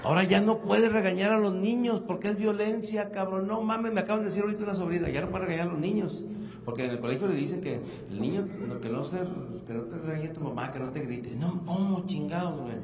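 Middle-aged Mexican comic, slightly high voice, crude slang-laden delivery, live venue reverb. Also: male voice, fast talker. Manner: crude slang-heavy storytelling, acting out both sides of a dialogue. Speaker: stand-up comedian. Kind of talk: stand-up comedy routine. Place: stage before a live audience. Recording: reverberant venue with faint ambient noise.

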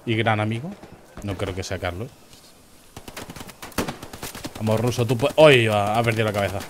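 A young Spanish man with a Murcian accent, giving excited commentary on game clips, shouting reactions and swearing freely. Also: medium pitch, a little hiss or hum.

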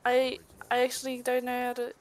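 High-voiced excitable woman in role-play. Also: a little fast. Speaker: singer character in online role-play. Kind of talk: casual in-character role-play chat.

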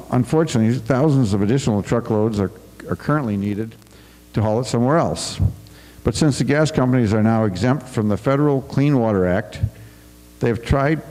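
Speaking in a dark-toned, mid-range voice, an older American man delivers a prepared talk from paper at a farm forum in a school auditorium. Now and then he trips over words, starts again, or adds an aside. The sound comes through a podium mic on a stand in a reverberant hall.

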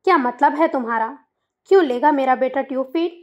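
Woman doing a fiery demanding young mom, high voice, muffled lo-fi sound. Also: fairly quick, a little mellow, lightly acted. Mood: upset. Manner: pleading, insistent, upset.

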